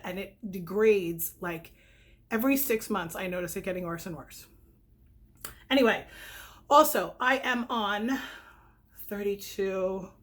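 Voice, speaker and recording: A woman's voice: fairly high pitch, fairly bright tone. A middle-aged woman chatting casually about products, rambling and candid, with whistling, slightly spitty s sounds. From lives in New York, United States. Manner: rambling, self-correcting, candid. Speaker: vlogger and direct-sales consultant reviewing products.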